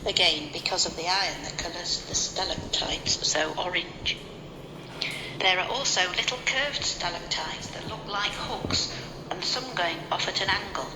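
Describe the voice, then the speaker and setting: A woman giving a calm, scripted audio tour narration, played over a speaker and echoing through a cave. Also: lowish voice, a little slow, over music. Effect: recorded guide played over a speaker, echoing through a cave. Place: underground cave. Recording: echoey cave with background noise.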